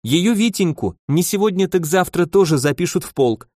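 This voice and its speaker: Domineering aristocratic wife, read by a man, higher and bossy, commanding, storybook reading. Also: animated, moderate pace, no room sound, clean studio sound. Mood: insistent. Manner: bossy, sharp, insistent. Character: domineering noblewoman, ambitious scolding wife. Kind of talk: audiobook character voice.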